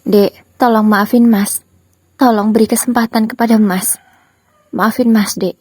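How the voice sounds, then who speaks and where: A woman reading the part of a guilty young husband, pleading softly and apologetically with his wife in a spoken story. The voice is mellow and a little breathy, recorded close and dry. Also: fairly high pitch, fairly even intonation, unhurried, no room sound.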